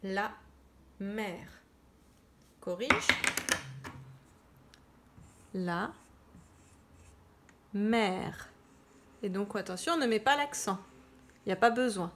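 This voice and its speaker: A woman teacher giving children a slow spelling dictation, repeating each word and spelling it out. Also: mid-range voice, noisy background. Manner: slow, deliberate, spells out words and repeats them. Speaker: primary school teacher.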